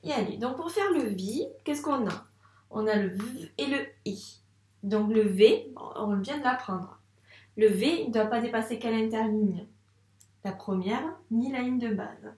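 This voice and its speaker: Teacher lady walking little kids through writing letters, kinda high voice, echoey room a bit off mic. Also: expressive, a little mellow, far from the mic. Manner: slow, patient, encouraging, addresses the child directly. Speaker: first-grade teacher. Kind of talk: handwriting lesson for young children.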